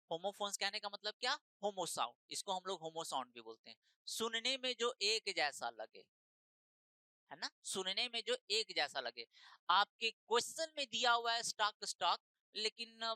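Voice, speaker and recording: Female tutor, exam-prep lecture, bright clear voice, dry close recording, slow over English text. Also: medium pitch, dry recording, rough recording. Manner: explains in Hindi mixing in slow English phrases, repeats points. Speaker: teacher.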